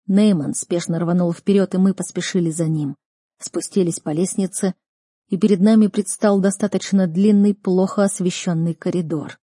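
A woman reading a first-person fantasy audiobook in a tense, measured manner. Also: fairly low pitch, steady tone, dark tone, no echo, studio quality. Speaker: audiobook reader.

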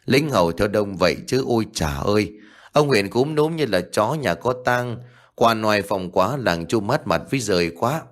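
A man voicing a gossiping village woman who exclaims in excited wonder. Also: fairly low pitch, moderate pace, natural voice. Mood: awed.

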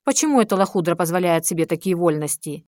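A woman reading an audiobook, voicing a jealous, hysterical young demon wife who talks in a shrill, shrieking way. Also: lively intonation, fast, darkish tone, no room sound, clean studio sound, natural voice.

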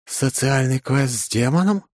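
A man's voice: mid-range voice, lively intonation, unhurried, no echo, pitched above the performer's own voice, natural voice. Man doing a proud lizard warrior woman, terse and defiant, dry close sound, audiobook. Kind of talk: audiobook character voice.

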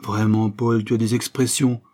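A man voicing a haughty, sharp-tongued young sister in a read novel, with cutting, curt replies. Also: on the low side, flat delivery, moderate pace, natural voice.

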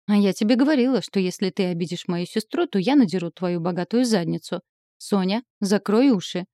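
A woman's voice: medium pitch, a little fast, dark tone, no room sound, studio quality, close to an everyday voice. A woman voicing a fierce young woman who threatens the man on her sister's behalf. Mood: combative. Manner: combative, threatening.

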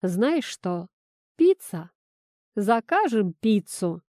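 A woman's voice: mid-range voice, very animated, extremely slow, darkish tone, no room sound, studio quality. A woman reading the part of a flustered, well-meaning father who is new to parenting and jokes at his own expense. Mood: sheepish. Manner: wry, sheepish, self-deprecating.

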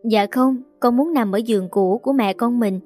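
A woman voicing a small chatty daughter who pleads with her parents in a high childlike voice, with soft music behind. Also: normal speed, natural voice. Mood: pleading.

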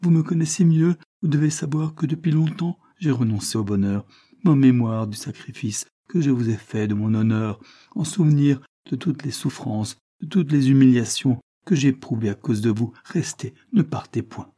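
A man's voice: mid-range voice, normal speed, dark tone, pitched above the performer's own voice, lightly acted. A man reading aloud, voicing a desperate young noblewoman who begs her lover not to leave. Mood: imploring. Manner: impassioned, imploring.

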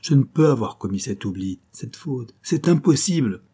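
A man's voice: medium pitch, animated, normal speed, warm tone, husky, pitched above the performer's own voice. A man voicing a frightened male chief of staff who stammers and pleads his innocence, his voice rising in distress. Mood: pleading.

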